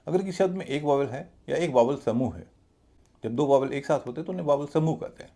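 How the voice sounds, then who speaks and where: A man's voice: medium pitch, fast, vocal fry, mellow. A man teaching English pronunciation in a lecture-style lesson, patiently explaining and spelling words out letter by letter.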